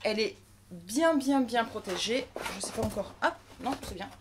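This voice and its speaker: A woman's voice: fairly high pitch, expressive, normal speed, heavy background noise. Chatty French woman unboxing. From France. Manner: chatty, thinking aloud while handling objects. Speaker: crafting vlogger. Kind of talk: casual unboxing commentary.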